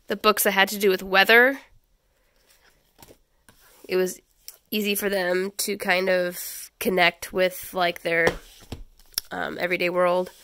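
Stuffy with a head cold, a woman in her thirties hosting a homeschool channel casually walks through a stack of children's books in a small indoor schoolroom, chatty with lots of ums and restarts. Her mid-range voice is a bit bright and smooth, captured at studio quality with no room sound.

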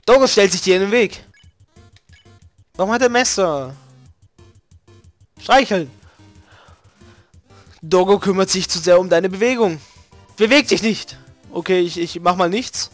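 A man hosting a let's play, reading game text aloud and making relaxed, swearing asides. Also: sits high, unhurried, long pauses, no echo. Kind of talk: casual gaming commentary reading game text. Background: faint video game music.

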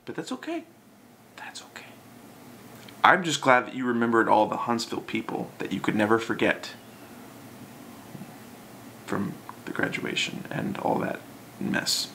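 A man's voice: lowish voice, moderate pace, vocal fry, pauses often, pushed and bright. Drunk young man rambling, noisy room. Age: young adult. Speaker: video message sender. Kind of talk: casual rambling chat to camera. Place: small bedroom, indoors.

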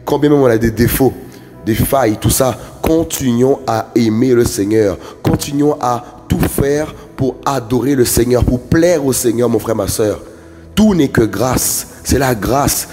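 A man's voice: mid-range voice, a little slow. Fervent preacher man, echoing hall. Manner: repetitive, fervent, chanting phrases. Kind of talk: prophetic worship exhortation. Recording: long hall reverb with soft music. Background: soft worship music.

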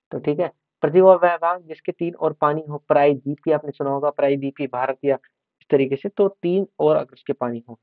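A male teacher running a brisk exam revision lesson, drilling words and spellings and checking in with "ठीक है" as he goes. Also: on the high side, dry recording. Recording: tinny phone-like sound.

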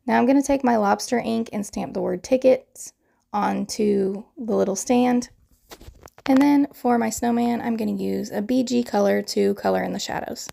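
A woman's voice: on the high side, normal speed, vocal fry, mellow. A woman in her thirties with a crackly morning voice, chattily narrating a card-making tutorial voiceover and explaining each step.

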